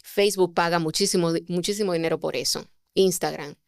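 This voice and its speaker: Lady mentor, expressive, asks herself questions, dry studio sound. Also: fairly low pitch, brisk, vocal fry, no room sound. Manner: expressive, poses rhetorical questions. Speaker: communication mentor. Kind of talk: podcast guest explaining.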